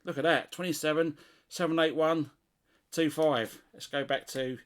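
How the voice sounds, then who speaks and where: In a voice on the high side with fairly even intonation, a middle-aged British CB radio presenter talks at a normal speed. His hands-on demonstration is casual and unscripted, and he voices his thoughts as he tests.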